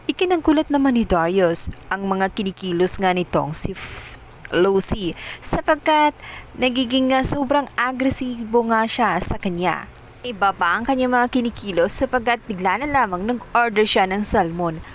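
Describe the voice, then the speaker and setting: A woman narrating a casual recap of a TV drama episode, telling the story quickly with many fillers. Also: medium pitch, slight background noise.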